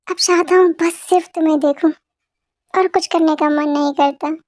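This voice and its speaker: Female dubber as a sweet-talking grandpa husband, very high voice, gentle delivery. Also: fairly even intonation, moderate pace, no room sound, studio quality, lightly acted. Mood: doting. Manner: tender, doting. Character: loving elderly grandfather husband. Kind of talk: amateur dubbed fan story.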